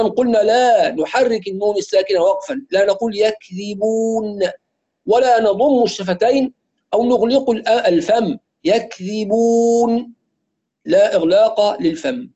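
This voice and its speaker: A man with an Egyptian accent teaching Quran recitation in an online lesson, explaining rules and demonstrating slow, drawn-out recitation examples. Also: high voice, mellow. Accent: Egyptian Arabic.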